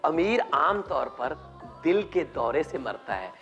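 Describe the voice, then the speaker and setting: Lively Indian stand-up comedian, fairly high voice. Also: male voice, slow, muffled recording, faint music behind. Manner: animated, mimics characters mid-joke.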